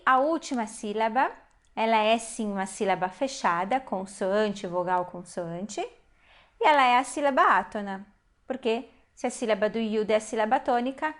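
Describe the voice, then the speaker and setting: Woman teacher, bit high voice, walks through it patiently, slows down on syllables. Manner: patient step-by-step explanation, slows to spell out syllables. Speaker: Hebrew teacher. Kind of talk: online language lesson.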